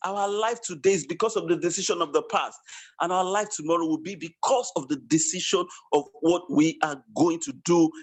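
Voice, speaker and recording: A man presenting at an online business launch, giving an emphatic, repetitive motivational sales pitch over a video call.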